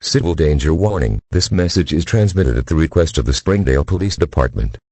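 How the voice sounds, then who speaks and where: Formal emergency announcements come from a man whose voice is extremely low, a little mellow, and breathy-edged. He reads fairly quickly in a stiff official manner like a public warning, animated with noticeable pitch swings, and there's no room sound.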